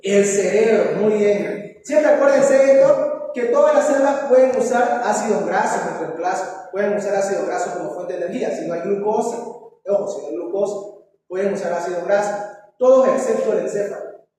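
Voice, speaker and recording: A man's voice: high-pitched, a little fast, warm tone. A male teacher giving a classroom review, questioning his students and tagging lines with a questioning "no?". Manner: quizzes students, tags lines with "¿no?". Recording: echoey hall, voice from far off, faint noise.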